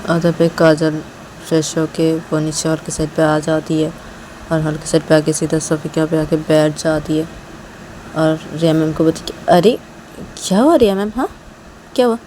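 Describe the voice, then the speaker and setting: A woman's voice: deep voice, monotone, moderate pace, mellow, slight background noise, poor audio. A woman casually narrating a story in a plain, repetitive way, opening lines with small fillers.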